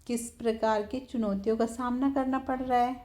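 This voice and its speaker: A woman teacher, patiently explaining a textbook lesson to young children, often slowing down to repeat words. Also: on the high side, fairly even intonation, a little mellow. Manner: patient, repeats words slowly, keeps saying "theek hai".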